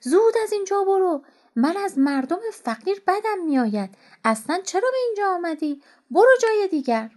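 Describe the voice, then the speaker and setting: A woman voicing a stingy, bad-tempered rich master who shouts harshly at everyone. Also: extremely high pitch, very animated, voice pushed up. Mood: angry.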